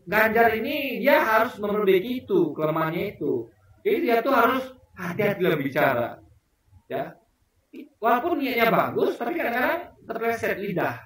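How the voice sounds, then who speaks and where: A man's voice: high voice, a bit bright. A man giving casual spoken political commentary to his viewers, emphatic, asking rhetorical questions and addressing them directly. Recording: very echoey room, voice far from the mic.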